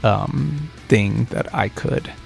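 A man, a recording engineer and producer, chatting as an interview guest and telling excited, rambling stories. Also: mid-range voice, very slow, creaky, soft background music. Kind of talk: casual interview chat.

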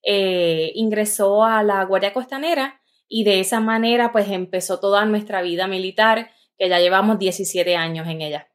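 A woman's voice: medium pitch, moderate pace. Puerto Rican woman coach, chatty. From Puerto Rico. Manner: thoughtful, frequent "eh" and "¿verdad?" fillers. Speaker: podcast guest, career coach. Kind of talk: casual interview chat.

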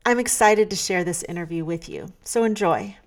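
A woman who hosts a podcast and works as a coach reads a prepared introduction, then asks her guest questions in this interview podcast. Her voice is lowish and her speed normal.

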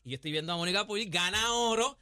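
A man hosts a radio show, speaking fast and with feeling. His voice is bright and a bit high, and he repeats his phrases as he goes. The studio sound is dry. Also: no echo. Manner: rapid and heartfelt, with repeated phrases. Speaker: radio host. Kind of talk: radio talk show chat.

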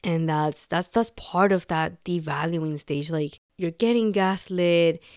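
A woman hosting a podcast, talking casually and candidly, acting out quoted lines in short animated bursts. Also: lowish voice, slow, clear, resonant tone, no echo, studio quality. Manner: candid, animated, quotes dialogue in little acted bits. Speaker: podcast host. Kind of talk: casual commentary.

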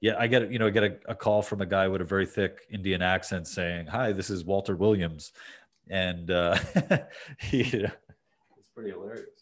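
Deep-voiced man hosting a casual podcast. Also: steady tone, moderate pace. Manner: loose, rambling, full of restarts and "you know". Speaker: podcast host. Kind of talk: casual conversational interview.

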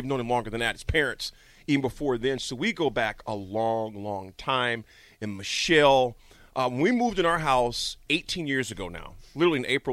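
A middle-aged man hosts a lively radio show from a studio, spinning stories full of jokes and laughing often in an animated way. His voice sits in the mid range, and there's no echo.

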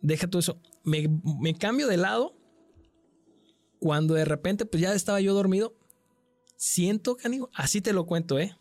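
A man's voice: high voice, moderate pace, long pauses, dry recording, soft background music. A man with a Mexican accent telling a personal paranormal story in casual, slang-filled conversation. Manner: frequent slang and swearing, animated retelling. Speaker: guest telling a paranormal experience.

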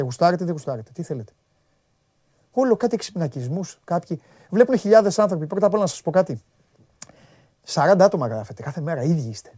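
A man's voice: on the high side, mellow, dry recording, clean studio sound. A man hosting a live sports talk show, scolding his viewers in an exasperated, repetitive way. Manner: scolding, exasperated, repeats himself when worked up. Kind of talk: heated live sports chat.

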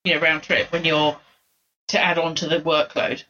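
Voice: medium pitch, little pitch movement, moderate pace, sharp tone, muffled recording. An architect from South London, a guest on a podcast, talking conversationally with hesitant fillers. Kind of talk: casual chat.

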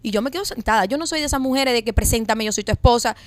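A woman telling a personal story in a casual group chat, animated and dramatic. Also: on the high side, very fast, dry recording.

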